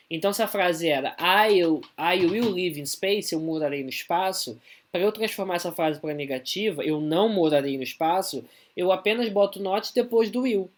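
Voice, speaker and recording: A man with a Brazilian Portuguese accent giving a recorded English lesson as a school teacher. He explains briskly, checks in with "tá?", and reads the English example sentences slowly and with emphasis. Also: high-pitched.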